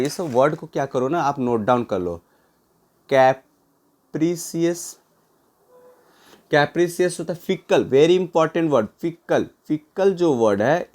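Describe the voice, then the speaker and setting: A man with a slightly high voice runs an exam-prep vocabulary lesson. He repeats each English word, spells it out letter by letter, and keeps checking in with the class as he goes. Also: darkish tone. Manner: spells words letter by letter, repeats terms slowly, frequent "ठीक है" fillers.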